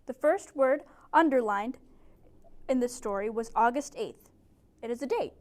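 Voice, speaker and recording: A young woman tutoring a small group of adult English learners in a classroom, giving clear, encouraging instructions. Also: fairly high pitch, animated, a little slow, darkish tone. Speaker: ESL tutor. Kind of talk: teaching a small group lesson.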